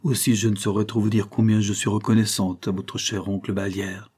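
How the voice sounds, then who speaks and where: A man voicing a gentle, melancholy young mother in an audiobook, speaking softly and modestly. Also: fairly low pitch, flat delivery, a little fast, breathy edge. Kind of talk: audiobook character voice.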